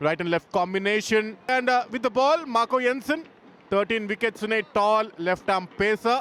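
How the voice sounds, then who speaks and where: A man's voice: high voice, drawn-out words, fairly bright tone, slight background noise. A man giving cricket analysis and commentary, mixing English terms into his Telugu.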